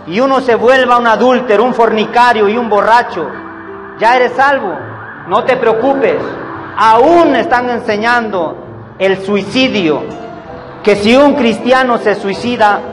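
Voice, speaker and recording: High-voiced slow preaching man. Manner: slow, emphatic preaching, addressing the congregation as brothers. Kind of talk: sermon. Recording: reverberant hall with faint music.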